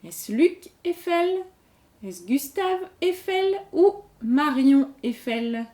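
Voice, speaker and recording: Slow, lively-voiced woman hosting a quiz. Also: high-pitched. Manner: repeats each question, then explains the answer patiently. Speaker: quiz host. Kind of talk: reading quiz questions aloud, slow and clear.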